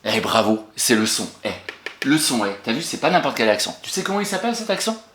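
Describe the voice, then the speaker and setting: A French-accented male teacher walks young pupils through spelling words one by one, asking questions and cheering each answer. His voice swings up and down with lively, animated pitch, and it rings in a roomy, echoey space. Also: fairly quick, a little hiss or hum. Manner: encouraging, patient, questions and praises pupils. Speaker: primary school teacher. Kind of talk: remote spelling lesson for young children.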